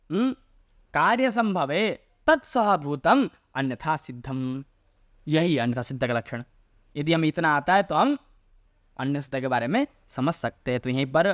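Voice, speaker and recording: A man teaching a lecture, asking rhetorical questions and answering them himself, and reciting classical phrases slowly. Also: mid-range voice, no echo, studio quality. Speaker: Sanskrit teacher. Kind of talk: explanatory Hindi lecture on a Sanskrit logic text.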